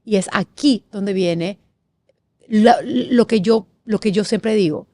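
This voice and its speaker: A middle-aged woman from Panama, a guest in an interview, telling a personal story with expressive, animated delivery and quick lists. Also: medium pitch, no room sound. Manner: expressive, animated, lists things in rapid series.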